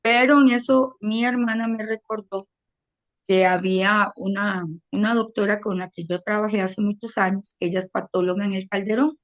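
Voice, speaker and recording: Costa Rican woman, middle-aged, mid-pitched; earnest first-person testimony with quoted dialogue. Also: fairly even intonation, moderate pace. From Costa Rica. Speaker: testimony speaker.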